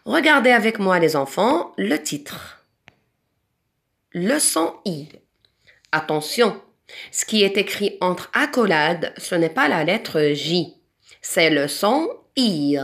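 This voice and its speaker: A woman with a Moroccan accent teaching a French spelling lesson to young children, speaking slowly and patiently and drawing out each example word. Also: medium pitch, sing-song, vocal fry, fairly bright tone. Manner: slow, patient, sing-song, stretches out example words. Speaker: primary school French teacher.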